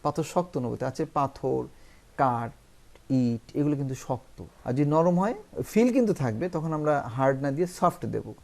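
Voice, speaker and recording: A man's voice: medium pitch, lively intonation, creaky, darkish tone. Emphatic Bangladeshi man teaching English. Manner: slow, drawn-out English example sentences, emphatic repetition. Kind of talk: spoken English lesson in Bangla.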